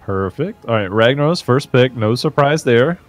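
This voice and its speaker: Animated man casting a game draft. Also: medium pitch, moderate pace, soft background music. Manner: animated, acts out player thoughts in quotes. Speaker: esports caster. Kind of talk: draft-phase casting banter.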